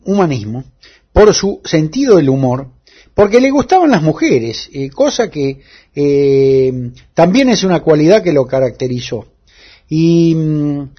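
A man with a Buenos Aires Spanish accent giving an earnest, deliberate radio commentary as a correspondent. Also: a little high, slightly rough. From Argentina. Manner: earnest, deliberate delivery with repeated emphasis. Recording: dull lo-fi audio.

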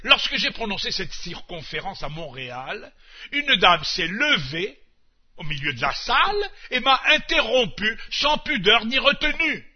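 A man's voice: high-pitched, very animated, a little slow, slightly rough. A man performing a comic stage monologue in a pompous, mock-lecturing manner. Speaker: comedian. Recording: muffled old radio recording.

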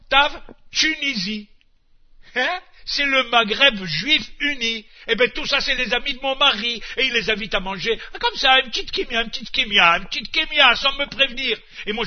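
A man voicing an exasperated middle-aged housewife with a North African French accent, rattling off long lists of chores and dishes. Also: very high-pitched. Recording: muffled old radio recording.

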